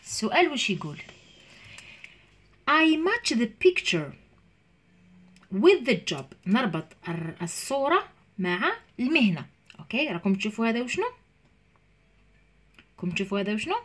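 Lively Algerian woman teacher. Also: mid-range voice, husky. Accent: Algerian Arabic. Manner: reads English slowly, then explains in dialect. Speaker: English teacher. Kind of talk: explaining an exam to pupils.

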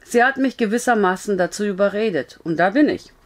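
A woman's voice: medium pitch, animated, fairly quick, close to an everyday voice. A woman reading a story aloud, voicing a frank, blunt but comforting young woman in an earnest, raised voice.

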